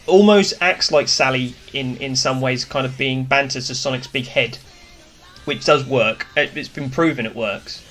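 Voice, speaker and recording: A man's voice: mid-range voice, fairly bright tone. A man hosting a casual cartoon review, talking through his opinions in a chatty, enthusiastic way. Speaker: host.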